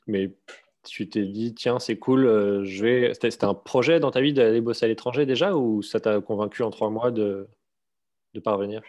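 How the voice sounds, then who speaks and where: A man's voice: lowish voice, normal speed, a little mellow. A man interviewing a guest informally, asking probing questions with fillers and restarts. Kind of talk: casual conversational interview.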